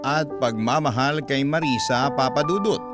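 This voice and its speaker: With a Filipino accent and a mid-range voice at normal speed, a man narrates an emotional first-person story in radio drama style, a music bed playing behind him.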